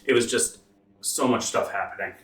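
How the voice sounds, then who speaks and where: A man's voice: lowish voice, fairly bright tone, reverberant, recorded from a distance. A man co-hosting a casual podcast chat, blunt and joking in his opinions. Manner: blunt, joking, quick to judge. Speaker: podcast co-host.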